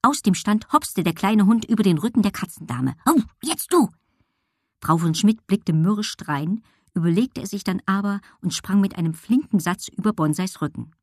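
A woman reading a children's audiobook aloud with lively storytelling. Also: mid-range voice, normal speed, few pauses, no room sound, studio quality. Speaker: audiobook reader. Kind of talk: scripted narration.

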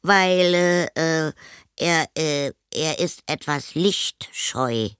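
A man's voice: on the high side, drawn-out words, a bit bright, smooth, no room sound, studio quality, pitched above the performer's own voice. A man reading an audiobook and voicing a nervous young boy who stammers out excuses. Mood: flustered. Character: young boy, flustered and evasive. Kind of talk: audiobook character voice.

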